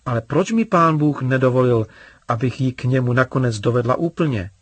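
A man's voice: mid-range voice, animated, no echo, natural voice. A man voicing an indignant, hurt young girl who talks in a complaining, sulky way. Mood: pleading.

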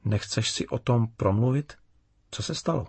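A man voicing a kind, patient father in a children's story, calm and explaining. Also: medium pitch, breathy edge, dry recording.

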